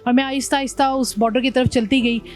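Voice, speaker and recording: A woman from Pakistan talks through her long motorbike ride in an interview, her voice a touch high and her telling animated. She drops English words into her sentences. Soft music plays underneath. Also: fast talker. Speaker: motorbike traveller, guest. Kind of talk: interview conversation.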